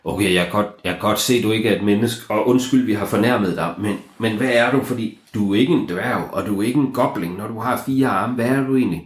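A man's voice: fairly low pitch, few pauses, reverberant, close to an everyday voice. Man doing a curious young storybook hero. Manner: curious, apologetic.

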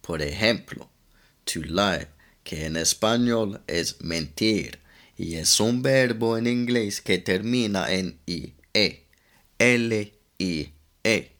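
Slow, deep-voiced man teaching English grammar. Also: fairly bright tone. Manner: slow, methodical, spells out letters one by one. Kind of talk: scripted grammar lesson.

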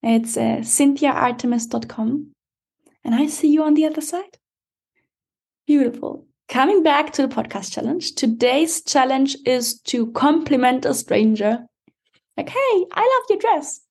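A woman's voice: high voice, unhurried, vocal fry, darkish tone, breathy edge. A woman hosting a motivational podcast, speaking straight to the listener in an emphatic, encouraging coaching style. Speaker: podcast host and empowerment coach.

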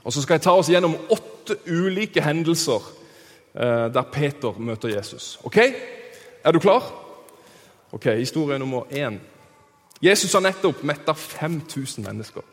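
A man preaching a storytelling sermon, engaging and posing questions to his listeners. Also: a little high. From Kristiansand, southern Norway. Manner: lively, engaging, asks the audience questions. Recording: reverberant hall.

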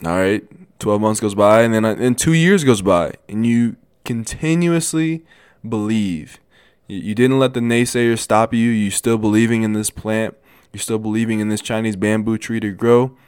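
A man in his twenties telling a motivational story in a casual, animated way, with many restarts and repeated phrases. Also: fairly low pitch, moderate pace, clear, resonant tone, dry recording, clean studio sound. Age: 20s. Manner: animated, repetitive, lots of restarts. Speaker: motivational vlogger.

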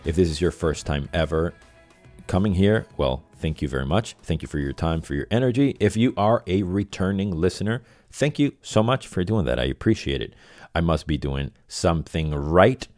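Low-voiced rambling podcast host man. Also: lively intonation, moderate pace, a little mellow, no room sound, faint music behind. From Venezuela. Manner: rambling, self-correcting, repeats phrases. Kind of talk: casual solo podcast monologue.

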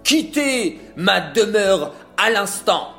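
A man voicing a proud, wealthy host who shouts angrily at an unwanted guest. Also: sits high, lively intonation, takes it slowly, faint music behind, pitched above the performer's own voice, exaggerated voice. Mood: shouting. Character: wealthy furious male host, proud and harsh.

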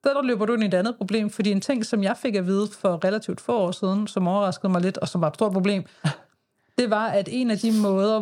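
A woman with a Danish accent speaks as a podcast co-host in relaxed, informal conversation. Her voice sits at a middle pitch, and she has a wry, self-deprecating manner. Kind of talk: casual chat.

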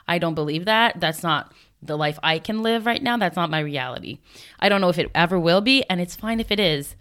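Chatty woman podcaster, slightly low voice. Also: animated, a little fast, fairly bright tone, smooth. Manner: chatty, reflective, laughs often. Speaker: podcast host. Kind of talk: casual solo podcast talk.

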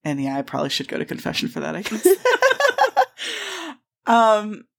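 Lower-pitched woman, laughing podcast co-host. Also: moderate pace, creaky. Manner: animated, laughs and swears often, storytelling. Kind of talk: casual chat.

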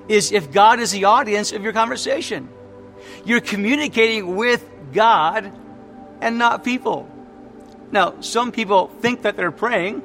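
A man's voice: high voice, gravelly, fairly bright tone. A man preaching a sermon, emphatic and repeating his key phrases as he tells stories. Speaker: pastor.

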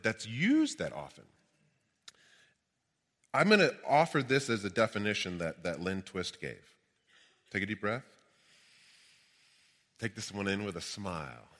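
A man's voice: on the low side, a bit bright. A man preaching as a minister in an emphatic, exuberant motivational speaking style. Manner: emphatic, exuberant projected delivery. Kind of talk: motivational sermon with call-and-response affirmations. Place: large reverberant room, addressing a gathering. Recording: reverberant hall sound.

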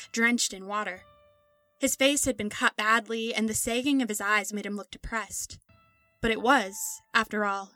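A woman narrating a scripted story in a steady, measured reading voice. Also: a little high.

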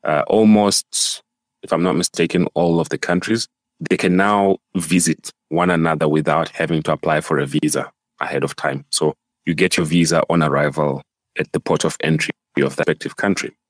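A man from Africa co-hosting a casual discussion, explaining in a measured way with fillers. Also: very deep voice, steady tone, no room sound.

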